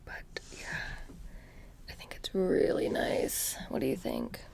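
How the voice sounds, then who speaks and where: A gentle-voiced woman whispers up close in an ASMR roleplay where she plays a witch running a shop, her menace casual, halting, and deadpan.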